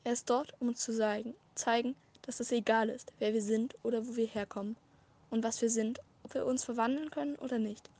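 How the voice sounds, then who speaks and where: Woman reading a dark fan-fiction tale. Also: on the high side, fairly even intonation. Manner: measured, dramatic reading with occasional slips. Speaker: amateur audiobook reader. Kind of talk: scripted storybook narration.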